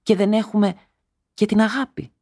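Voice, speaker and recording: A man's voice: medium pitch, expressive, mellow, no room sound, clean studio sound, close to an everyday voice. A man reading a story aloud and voicing a young woman who is tender at times and bitter at others, speaking emotionally and rising to cries. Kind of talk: audiobook character reading.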